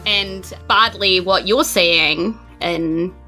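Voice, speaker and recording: A woman with a New Zealand accent runs a tabletop game as game master, her low-side voice moving extremely slowly over music on poor audio. She paints scenes for her players in vivid, searching descriptions packed with "like" and "you know."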